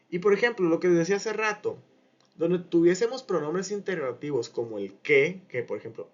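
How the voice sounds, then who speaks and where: A man teaching a language lesson in Spanish, patiently explaining grammar and repeating example sentences slowly. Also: a little high. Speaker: Japanese teacher. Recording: muffled lo-fi sound.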